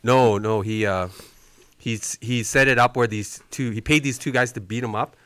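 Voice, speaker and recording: A man's voice: medium pitch, normal speed, a bit bright. A man co-hosting a live stream, chatting casually with friends over food, laughing often and tagging lines with "right?". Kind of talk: casual chat. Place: room with friends sharing food.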